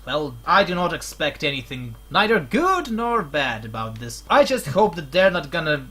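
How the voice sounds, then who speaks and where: A man with a Slavic accent rambling through a casual podcast chat, halting and stuttering, often restarting his sentences. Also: fairly high pitch, very animated, fairly bright tone, slightly rough. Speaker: podcast co-host.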